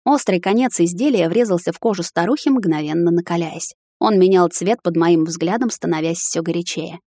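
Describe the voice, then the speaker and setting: A woman reads a first-person fantasy story in a measured, softened way. Her voice is fairly low and the sound is dry and close. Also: no echo. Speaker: narrator.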